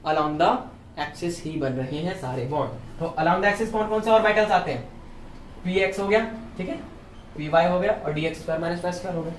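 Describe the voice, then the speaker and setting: A man, walking through each point and often pausing to check that his class is following. The sound is roomy and a little distant, as if picked up across a classroom. A faint background hum sits under his voice. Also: on the high side. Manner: explains step by step, keeps checking with "theek hai". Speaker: chemistry teacher. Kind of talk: classroom lecture. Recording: echoey room, mic at a distance.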